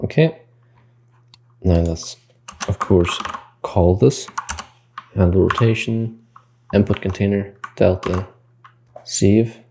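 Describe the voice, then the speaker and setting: Deep gravelly man explaining code. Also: fairly even intonation, slow pace, pauses often, background noise. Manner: explains code step by step, thinking aloud; corrects himself mid-sentence. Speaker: game development tutor. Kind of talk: screen-recorded coding tutorial.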